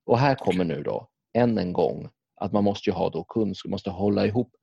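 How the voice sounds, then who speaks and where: A man's voice: sits low, animated, vocal fry, mellow, breathy edge, no echo, muffled recording. A man chatting casually, rambling through stories with lots of fillers, restarts and swearing. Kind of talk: casual chat about video games.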